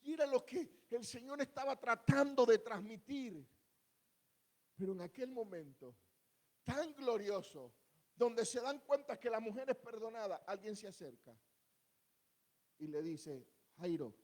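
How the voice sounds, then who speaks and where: Brief: male pastor preaching, high voice, repeats phrases, asks the congregation questions. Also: lively intonation, unhurried, pauses often. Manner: repetitive, rhetorical questions to the congregation. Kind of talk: sermon. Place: church, standing before a congregation.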